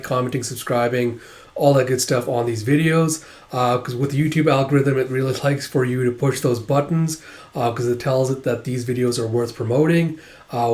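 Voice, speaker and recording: Hoarse from a cold, a man hosts a manga read-through channel, chatting casually to camera and rambling with plenty of fillers. His voice is mid-range and darkish, and the recording has a roomy echo.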